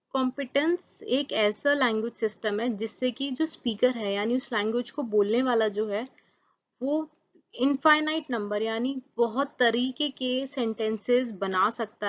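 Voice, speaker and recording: A Hindi-speaking woman who hosts a channel and teaches gives a Hindi lecture on exam topics, reading English definitions slowly. Her voice is fairly high, and she explains with rhetorical questions, repeating each point. The recording sounds dull and lo-fi.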